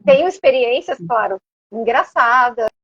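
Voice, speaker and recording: Guest: Brazilian woman, high voice, chatty and hesitant, lo-fi call audio. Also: moderate pace, breathy edge, no room sound. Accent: Brazilian Portuguese. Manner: rambling and animated, many hesitant fillers. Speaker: interview guest. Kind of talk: casual conversation.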